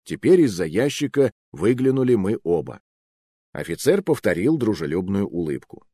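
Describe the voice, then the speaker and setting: A man narrating an adventure audiobook in the first person, expressive and slightly weary. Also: fairly low pitch, moderate pace, husky, dry recording, studio quality.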